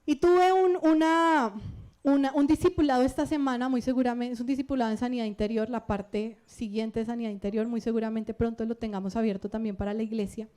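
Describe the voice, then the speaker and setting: A middle-aged woman pastor with a Colombian Spanish accent, preaching an animated sermon and putting questions to the congregation. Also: a little high, fairly quick, clean tone. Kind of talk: lively sermon.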